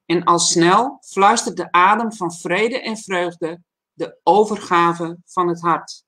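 A woman hosting a livestream talk show, reading a reflective text aloud in a calm, measured way and then chatting casually. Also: on the low side.

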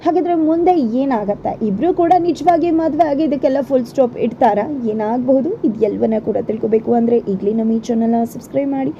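Woman doing a serial recap, dark mellow voice, fairly high, lo-fi dull audio. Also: a little hiss or hum. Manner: brisk storytelling, addresses viewers. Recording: dull lo-fi recording.

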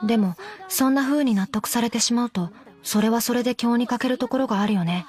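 An actress voicing a deadpan undead doll girl who teases dryly in an in-character anime commentary. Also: on the high side, fairly quick, faint music behind, lightly acted. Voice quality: flat, emotionless delivery. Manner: teasing, dry deadpan jokes. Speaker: commentary co-host.

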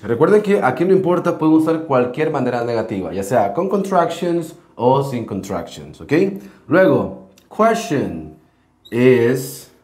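Man, English teacher, slow, lively intonation, echoey room. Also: medium pitch. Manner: slow, drawn-out reading of English example sentences. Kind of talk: Spanish-language English grammar lesson.

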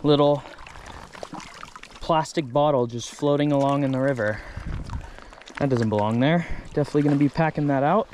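A young man chatting casually to his camera outdoors by a river, relaxed and self-deprecating. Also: medium pitch, background noise. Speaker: vlogger. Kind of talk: casual outdoor vlog narration. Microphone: action camera, handheld or chest-mounted.

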